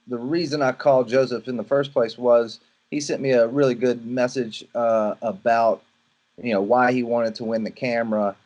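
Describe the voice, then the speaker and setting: A man's voice: medium pitch, a little mellow. A man from Louisiana with a Southern accent, mentoring someone in a rambling, filler-heavy chat over a video call. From Louisiana, USA. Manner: rambling, many fillers and restarts. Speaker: photography mentor. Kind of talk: casual video-call conversation.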